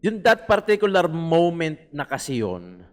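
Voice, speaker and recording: A man's voice: a little high, big pitch swings, measured pace. A man with a Filipino accent giving casual political commentary, rambling and switching between Tagalog and English, often asking "di ba?". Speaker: political vlogger.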